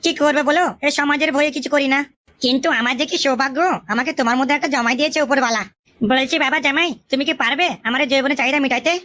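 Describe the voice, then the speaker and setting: A woman voices a flirtatious mother-in-law in a cartoon, coaxing and wheedling in a bright, high voice at a very fast clip. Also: steady tone, highs cut off. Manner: rapid, wheedling.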